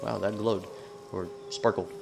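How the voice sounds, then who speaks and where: A man giving casual, rambling gaming commentary, haltingly trailing off mid-thought, with whistling S sounds. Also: fairly low pitch, fairly even intonation, vocal fry, over music. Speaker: video game let's player. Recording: noticeable background noise, sensitive mic.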